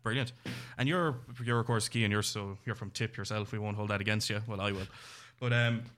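A man's voice: on the low side, fairly even intonation, a little fast, a bit bright, slight background noise. A man with a Limerick Irish accent hosting a casual student radio show, chatty and enthusiastic. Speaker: host.

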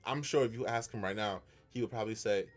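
A man with a fairly low voice tells a story in a relaxed podcast chat. He talks earnestly and often restarts his sentences. Faint music plays underneath. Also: fast. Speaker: podcast co-host. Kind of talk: casual chat.

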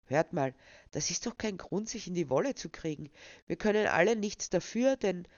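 A man's voice: high voice, expressive, moderate pace, no room sound, muffled recording. A woman reading as a patient, placating old god. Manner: soothing and conciliatory.

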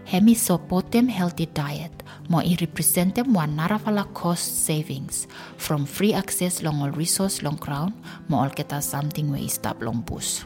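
A woman's voice: sits low, expressive, normal speed, darkish tone. A woman with a Vanuatu accent reads a scripted documentary narration. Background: faint music.

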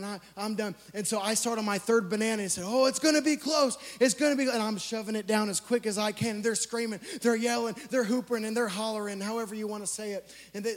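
A man telling a funny personal story as a sermon to a youth gathering, animated and self-mocking. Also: sits high. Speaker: youth speaker. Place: large church hall. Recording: long hall reverb.

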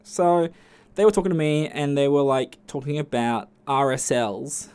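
A man's voice: moderate pace, clean tone. A man with an Australian accent hosting a podcast alone, telling stories in a casual, chatty way and swearing freely. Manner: chatty, swears freely, jumps to high excited pitch. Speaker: podcast host. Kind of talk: casual solo podcast storytelling.

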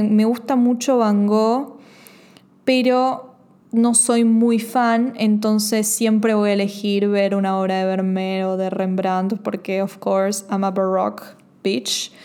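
Young woman, Rioplatense accent, mellow voice, chatty travel vlogger who gushes and repeats herself. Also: medium pitch, clear, resonant tone. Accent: Rioplatense Spanish. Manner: chatty, gushing, repeats phrases. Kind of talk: casual travel recommendations.

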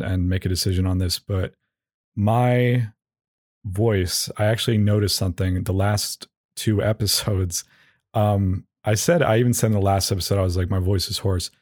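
Hosting his casual podcast alone, a man speaks in a fairly low, slightly mellow voice, captured in a close, dry recording. His talk wanders and stalls, often circling back on itself, and his jokes are a bit goofy and at his own expense.

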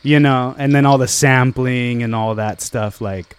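Forties male guest, smooth tone, loose conversational delivery. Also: medium pitch, steady tone, unhurried. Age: 40s. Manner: rambling, full of "like" and "you know". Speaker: guest musician. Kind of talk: casual interview chat.

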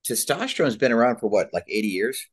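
A man's voice: medium pitch, very animated, slightly rough. A man hosting a podcast interview, reacting briefly and making sarcastic jokes. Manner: joking, sarcastic, quick reactions. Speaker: podcast host.

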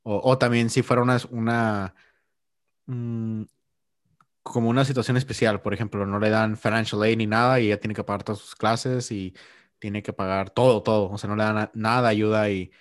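A young man hosting a podcast, chatting casually and telling stories with lively slang. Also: on the low side, normal speed, dry recording, studio quality. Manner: animated storytelling with Mexican slang. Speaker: podcast host. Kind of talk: casual chat.

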